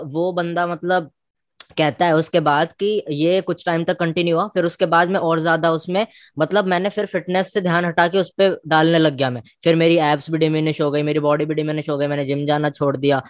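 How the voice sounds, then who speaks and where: A man's voice: a little high, dry recording. Agreeable podcast host man, dry sound. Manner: agreeable, frequent affirmations. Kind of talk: casual podcast discussion.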